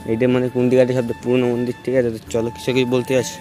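A young male vlogger speaks in a rapid-fire monotone, music behind him, as he films himself on a handheld phone in an outdoor temple garden. The commentary is casual and chatty, peppered with repeated fillers, and dips close to a hush at times.

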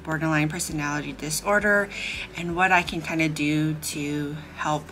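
A woman talking casually in a home vlog, soft and unhurried as she reflects and reads aloud. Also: low voice, fairly even intonation. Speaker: vlogger. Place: home in Korea.

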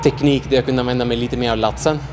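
A young man vlogging in a large gym, sore and worn out, talking haltingly with many fillers. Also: medium pitch, steady tone, background noise. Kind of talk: casual vlog chat. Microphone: handheld mic. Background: music playing.

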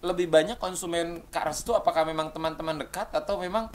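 A man's voice: a little high, fast. A man hosting a casual interview chat, teasing and chatty, with many hesitant fillers. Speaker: host.

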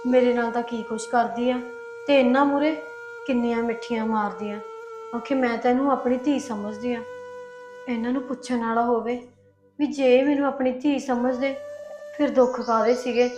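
An actress playing a sad, put-upon young wife in a short film drama, talking softly and resigned, holding back tears. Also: female voice, fairly high pitch, steady tone, normal speed, music in the background, natural voice. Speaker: daughter-in-law. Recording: roomy echo.

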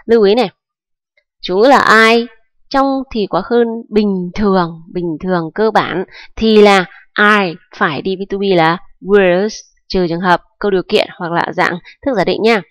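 A woman's voice: mid-range voice, moderate pace, no room sound. Patient woman teaching grammar. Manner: patient, step-by-step, often checks with listeners. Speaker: English teacher. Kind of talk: grammar lesson explanation.

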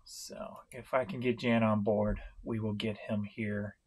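A middle-aged man from St. Louis, Missouri, giving a casual vlog update on his online reselling, talking in a slow, rambling way with many fillers and restarts. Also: lowish voice, little pitch movement, husky. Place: home room, indoors.

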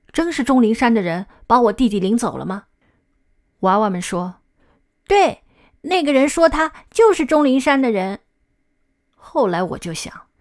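A woman narrating a documentary-literature audiobook in a steady, measured storytelling voice. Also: medium pitch.

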